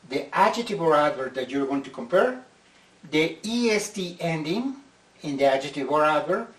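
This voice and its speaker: English teacher, roomy distant sound. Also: male voice, on the high side. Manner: slow, careful explanations, stretching out example words. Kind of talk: slide-based grammar lesson.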